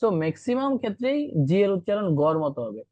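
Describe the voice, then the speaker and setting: A teacher leads an online beginner class, slowly repeating each practice syllable and often slipping English words into the explanation. The call audio sounds dry and muffled, with no room echo. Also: mid-range voice, sing-song, warm tone. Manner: repeats drilled syllables, code-mixes English. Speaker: Chinese language teacher. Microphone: video call.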